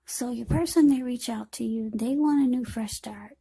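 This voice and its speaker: A tarot card reader gives an informal reading in a fairly high, very husky and breathy voice with a mellow, soft-edged tone. Speaking at normal speed directly to the viewer, she uses short, broken phrases and repeats words as she goes.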